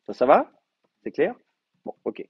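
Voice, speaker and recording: A man's voice: a little high, big pitch swings, unhurried, slightly rough. A man giving a classroom lecture, explaining step by step with many hesitations and checking in with his students. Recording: dull lo-fi classroom recording.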